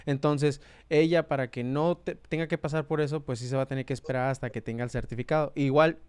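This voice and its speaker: A male host explains things calmly, step by step, with an occasional "eh". His voice is smooth and close, with a dry, plain sound. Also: medium pitch, quick pace, no echo. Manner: calm, explains step by step with fillers. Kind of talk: explanatory interview talk.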